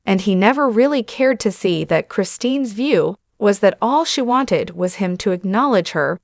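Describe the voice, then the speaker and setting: A woman's voice: medium pitch, lively intonation, normal speed, vocal fry, dry recording. Opinionated woman, dry close mic. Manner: opinionated, talks straight to viewers with many fillers. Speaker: channel host. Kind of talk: casual commentary.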